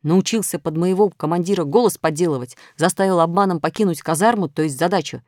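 A woman's voice: lowish voice, fast, a little mellow, no echo, clean studio sound, natural voice. Lady doing a strict little toy soldier guy, stiff and scolding. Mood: reproachful. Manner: stiff, reproachful.

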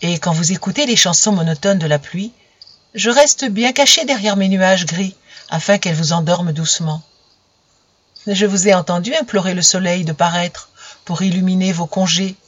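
A woman narrating a children's storybook gently, speaking directly to her young listeners, on a dull lo-fi recording. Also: lowish voice, moderate pace, no echo. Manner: gentle, intimate address to children.

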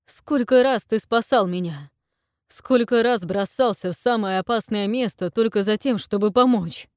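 A woman's voice: fairly low pitch, expressive, unhurried, dark tone, dry recording, studio quality. Woman voicing an anguished, desperate young man. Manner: strained cries and hoarse pleading.

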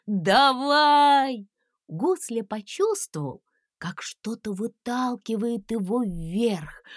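A woman reading a children's storybook aloud in an expressive, measured way. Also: a little high, no echo, clean studio sound. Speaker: audiobook narrator. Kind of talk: scripted storybook narration.

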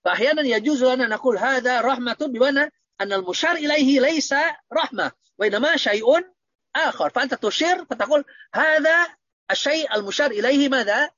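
A man's voice: extremely high pitch, quick pace, a bit bright, no echo. A man teaching Arabic grammar in an online lesson, quizzing his students with repeated questions. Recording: dull, dry lo-fi audio.

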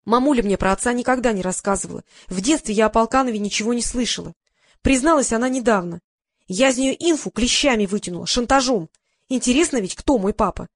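A woman reading the lines of a calm, stubborn teenage girl in an audiobook. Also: fairly high pitch, fast, no room sound. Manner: calm and matter-of-fact.

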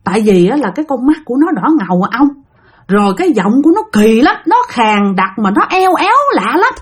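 A woman voicing an anxious older village wife in a spoken ghost story, with a hushed, fretful manner. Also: on the high side, sing-song, brisk, slightly rough. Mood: worried.

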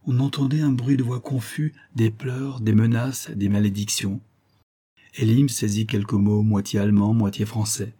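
Husky, dark-voiced male audiobook narrator. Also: on the low side. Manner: steady, measured storytelling delivery. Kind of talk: scripted narration of a classic novel.

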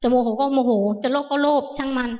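A woman telling her meditation teacher about her practice, polite and halting, often repeating words. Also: high-pitched, flat delivery. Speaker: lay meditation student. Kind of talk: personal account to a teacher. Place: temple hall. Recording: dull echoey hall recording.

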